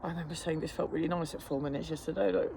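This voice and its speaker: Man, higher-pitched voice, casual vlog chat, rambling and self-deprecating, braced against the cold, noisy outdoor recording. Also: fairly even intonation, racing, vocal fry. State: cold-stressed, sitting in icy water. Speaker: fitness instructor vlogger. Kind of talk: casual chat to camera during a cold plunge. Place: outdoors in an ice bath.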